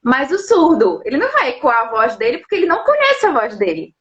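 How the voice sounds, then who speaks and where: She talks fast, her high, fairly bright voice swooping wildly in pitch, over lo-fi sound. A sign language interpreter and lawyer, she's at home explaining things patiently in a live interview, regularly checking in with little tag questions.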